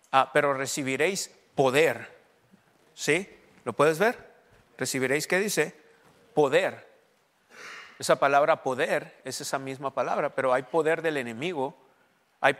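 A man's voice: a little high, fairly bright tone. A man preaching a bilingual sermon in Spanish and English, often asking his congregation questions and reading scripture aloud. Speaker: pastor. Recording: long hall reverb.

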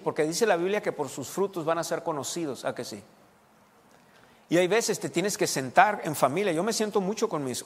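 Married pastor preaching in a reverberant hall. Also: male voice, a little high. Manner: preaching to a congregation, asks them questions, restarts often. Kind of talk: sermon.

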